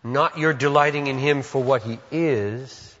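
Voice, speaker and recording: Older male preacher, earnest and deliberate, bright voice, slow measured sermon pace, heard in a reverberant hall. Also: medium pitch. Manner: earnest, swings from loud exhortation to hushed reflection; slow, deliberate repetition of phrases. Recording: long reverb, dull lo-fi sound.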